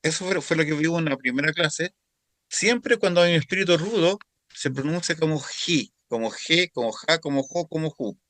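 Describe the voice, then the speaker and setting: A man's voice: a little high, normal speed, a bit bright. A man teaching a Greek grammar class, patiently repeating word forms for students to echo. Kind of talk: classroom lecture.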